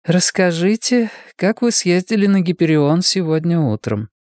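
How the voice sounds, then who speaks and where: Here is a stern woman leader of a government, measured and commanding, as a male audiobook reader puts her on. The voice sits well above his own and moves a lot in pitch, quietly sure of itself. The sound is dry and close. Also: big pitch swings, no echo. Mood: quietly probing. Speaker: political leader.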